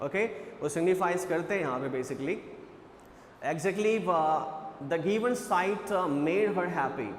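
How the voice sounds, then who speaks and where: A man's voice: a little high, expressive, slow pace, echoey room, big-room sound, slight background noise. A male English teacher with an Indian accent lecturing on a poem, switching between Hindi and English and repeating phrases as he explains.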